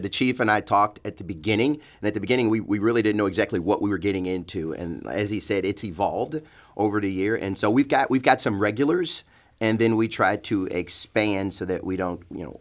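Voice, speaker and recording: A man with a fairly low voice speaks as a fire department spokesman. He explains things conversationally in an interview, adding frequent small asides.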